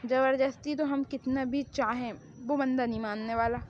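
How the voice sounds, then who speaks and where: A woman's voice: high-pitched, fairly even intonation, moderate pace, darkish tone, slight background noise. A young woman voicing her own lead role in a homemade fan drama, chatting confidently between scenes. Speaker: fan drama creator playing the mafia queen.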